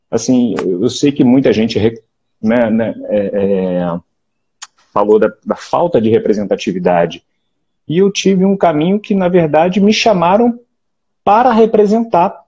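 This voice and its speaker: A Brazilian actor in his late forties from Rio de Janeiro with a Carioca accent, talking in a relaxed, reflective way over a video call, often restarting and adding "né?". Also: medium pitch, breathy edge, highs cut off. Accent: Carioca Portuguese. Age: late 40s. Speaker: actor, interview guest. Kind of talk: casual interview chat.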